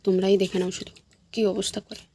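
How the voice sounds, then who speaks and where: A woman's voice: mid-range voice, level tone, quick pace, warm tone, a little hiss or hum. A young woman, vlogging casually at home and coaxing her toddler between asides to viewers. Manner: coaxing, chatty, talks to viewers between prompts. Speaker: vlogger and mother.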